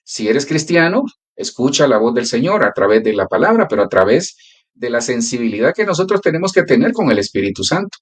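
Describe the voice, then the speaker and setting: A man's voice: medium pitch, big pitch swings, a little fast. A male pastor who prays and then teaches a church class, telling stories in a prayerful, earnest way.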